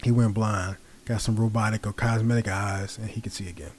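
Mellow-voiced man rambling casually. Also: lowish voice, fairly quick, slight background noise. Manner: rambling, relaxed, many fillers. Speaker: pop culture vlogger. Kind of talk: casual commentary.

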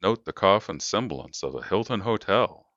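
A man's voice: low voice, expressive, normal speed, fairly bright tone, dry recording, pitched above the performer's own voice. A brash, pushy coffin salesman who rattles off prices with slick patter, as a man puts him on. His voice rises above a plain, dull-sounding dry recording. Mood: salesy. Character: pushy smooth-talking male coffin salesman.

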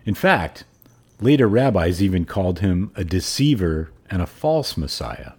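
A man hosting a podcast and reading aloud in a hoarse, froggy voice. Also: sits low, sing-song, unhurried, a little mellow. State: hoarse throat. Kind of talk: audiobook-style reading and podcast sign-off.

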